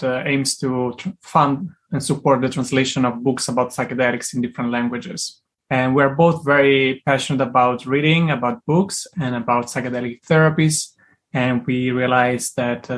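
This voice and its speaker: A man from Italy with an Italian accent, speaking in a measured way with frequent pauses as a podcast guest. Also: mid-range voice. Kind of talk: casual conversation.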